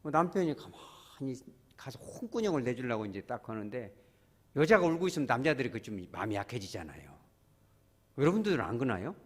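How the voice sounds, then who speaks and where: A man who is a pastor, preaching a sermon as animated storytelling with sudden shifts between loud and soft. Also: medium pitch, a little fast.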